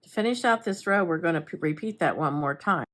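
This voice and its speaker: A woman's voice: fairly low pitch, animated, brisk, fairly bright tone. A woman giving a casual step-by-step crochet tutorial, talking unhurriedly while she works with her hands and adding chatty asides. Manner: chatty asides and self-corrections. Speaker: crochet instructor.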